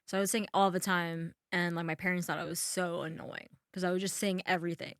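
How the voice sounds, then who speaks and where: A young woman from New York tells stories on a podcast, casual and animated. She swears freely and leans on "like" as she goes. The sound is close and dry, with nothing behind her. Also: on the low side, quick pace, no room sound. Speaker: comedian guest.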